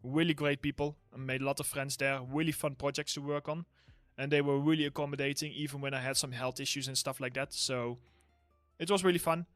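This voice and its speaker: A man's voice: medium pitch, little pitch movement, fast talker, fairly bright tone, dry recording, faint music behind. A man with a Dutch accent hosting a casual Q&A livestream, reading viewers' questions aloud and answering loosely with fillers, his throat getting a little sore. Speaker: livestream host, environment art tutor.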